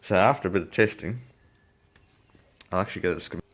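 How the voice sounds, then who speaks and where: His voice sits low with a slightly bright edge, and his pace is a little fast. This electronics repair hobbyist gives an unscripted, casual walkthrough, thinking aloud in a hesitant, meandering way, with a phone filming the bench.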